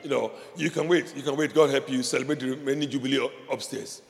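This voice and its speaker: A pastor preaching a sermon with passion, repeating phrases and leading the congregation in call-and-response. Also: male voice, medium pitch, steady tone, fast. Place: church hall. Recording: reverberant hall with faint background noise.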